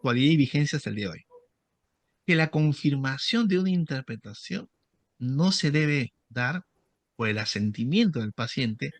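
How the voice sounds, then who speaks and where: A man's voice: mid-range voice, normal speed, no room sound. A middle-aged man, a psychoanalyst who explains cases in an interview and acts out the dialogue of his sessions. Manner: animated storytelling, acts out dialogue with patients. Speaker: psychoanalyst guest.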